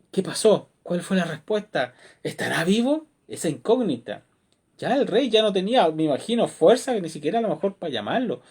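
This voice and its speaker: A man preaching a devotional sermon as pastor, expressive and full of rhetorical questions. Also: on the high side.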